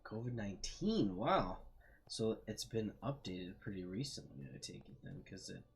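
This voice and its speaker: A young man hosts a casual let's-play video, his voice on the low side, animated, and at normal speed with some vocal fry. He reads text aloud and muses as he explores, thoughtful and trailing off with fillers.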